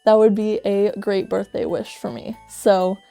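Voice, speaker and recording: A woman's voice: mid-range voice, little pitch movement, a little slow, vocal fry, warm tone, clean tone, soft background music. A woman in her twenties chatting casually to her viewers as a book vlogger, in a loose conversational manner with frequent asides. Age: 20s. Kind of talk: casual chat to camera.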